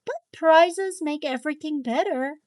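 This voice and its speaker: Woman playing a high-voiced, bustling storybook school nurse. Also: measured pace, no room sound, clean studio sound. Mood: concerned, cheery. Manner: exaggerated cartoon intonation.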